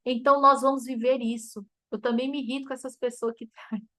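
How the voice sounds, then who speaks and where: Brazilian woman teaching a faith class, high voice, chatty and emotional, laughs a lot. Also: fairly even intonation, brisk, a bit bright. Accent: Brazilian Portuguese. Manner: chatty and emotive, addressing listeners as "gente", laughs often. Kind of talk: informal teaching talk to a group.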